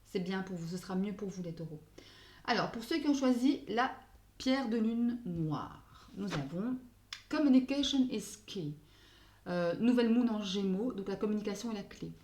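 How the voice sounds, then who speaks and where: This card reader's mid-range, darkish voice moves at a moderate pace with lively intonation as she offers relaxed tarot guidance, faltering for words and mixing in English. The room is echoey, with a little hiss or hum.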